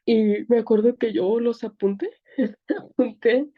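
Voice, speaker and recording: A woman's voice: fairly high pitch, fairly even intonation, a little slow, narrow, tinny audio. A woman with a Mexican accent, an interview guest giving an earnest, emotional personal testimony. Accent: Mexican Spanish. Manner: earnest, tearful at times, many fillers.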